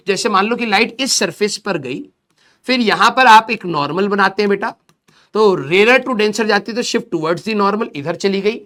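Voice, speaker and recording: A young man teaching a recorded physics lecture with a sore throat, speaking slowly, repeating key terms and asking questions he then answers himself, slipping English phrases into his talk. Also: high voice, sharp tone. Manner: mixes English phrases into Hindi.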